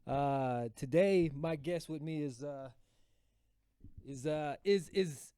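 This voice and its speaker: A man hosting a casual podcast, easygoing and friendly, often pausing on "uh" as he talks. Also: a little high, dark tone, clean tone, dry recording, studio quality. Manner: hesitant, many "uh" fillers, friendly and easygoing. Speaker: podcast host.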